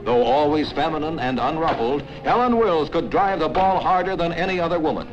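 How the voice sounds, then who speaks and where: A man narrating an old newsreel in a brisk, emphatic announcer manner. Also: fairly high pitch, animated. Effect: old newsreel soundtrack. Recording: dull lo-fi film soundtrack with music.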